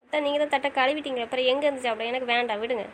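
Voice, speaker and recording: A woman acts out an audio drama in a pleading, questioning manner. Her voice is high and her delivery quick, with faint noise behind it. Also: fairly even intonation, rough recording. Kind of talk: casual audio drama acting.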